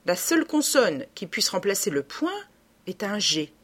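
A woman's voice: mid-range voice, sing-song, moderate pace. Woman reading a keen young detective. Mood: reasoning. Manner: methodical, reasoning aloud. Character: young male amateur detective, keen and reasoning. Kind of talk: audiobook reading.

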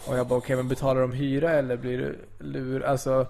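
Gravelly-voiced man telling a story. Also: mid-range voice, slight background noise. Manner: animated storyteller, quotes people with "jag bara". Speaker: podcast co-host. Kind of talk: casual chat, anecdote telling.

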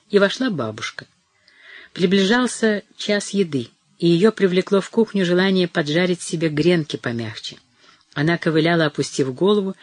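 An audiobook narrator giving steady, measured scripted reading of a novel. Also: medium pitch, no room sound.

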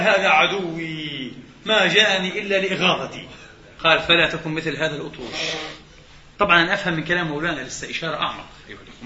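Fast, animated male lecturer. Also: fairly high pitch, a little hiss or hum. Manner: animated, poses rhetorical questions and answers them. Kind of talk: religious lecture to a congregation. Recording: roomy, slightly dull hall recording.

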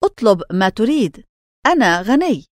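A woman's voice: medium pitch, sing-song, normal speed, no room sound, studio quality, voice pushed up, lightly acted. Glaucus, a woman playing a kind rich young man. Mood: eager.

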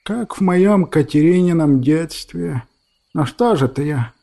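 A man voicing an emotional old woman, gruff by reputation but soft and tender, speaking quietly and fondly. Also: a little high, slow. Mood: tearful. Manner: soft, tearful, fond.

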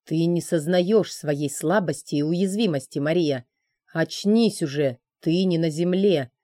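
Storybook casting: woman reading as a stern, protective male dragon, low, dark tone, clipped delivery. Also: measured pace, no room sound, studio quality.

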